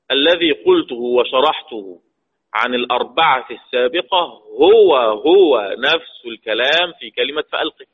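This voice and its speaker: A man with an Egyptian accent teaching Quran recitation rules, asking the class questions and answering them himself, drawing out key terms slowly. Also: fairly high pitch, breathy edge. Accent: Egyptian Arabic. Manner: slow, drawn-out stress on key terms. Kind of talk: lecture mixing colloquial and formal Arabic. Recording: tinny phone-like lo-fi audio.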